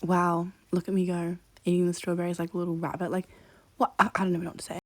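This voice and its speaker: A woman's voice: fairly low pitch, completely flat delivery, fast talker. Rambling young woman vlogger. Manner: rambling, lots of fillers and self-mocking asides. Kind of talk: casual chat to camera.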